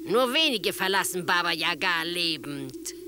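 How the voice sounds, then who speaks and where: A woman's voice: on the low side, animated, a little slow. A woman playing a formidable old witch in a fairy-tale radio play, brusque and grudging with theatrical threats. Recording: clearly noisy ambience behind the voice.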